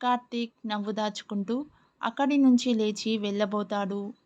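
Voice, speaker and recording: A woman narrating a serialized love story in a steady storytelling manner. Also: medium pitch, normal speed. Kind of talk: audiobook narration. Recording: muffled lo-fi recording.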